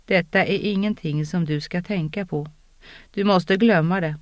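A narrator doing Sheriam, hushed and stern. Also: no room sound, lightly acted. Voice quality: low, measured, hushed. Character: calm, stern older woman mentor. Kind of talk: audiobook character reading.

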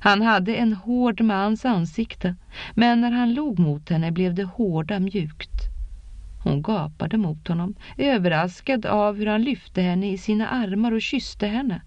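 A woman narrating a fantasy audiobook in a measured, even storytelling manner. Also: medium pitch, dry recording. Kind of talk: scripted narration. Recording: dull lo-fi, dry.

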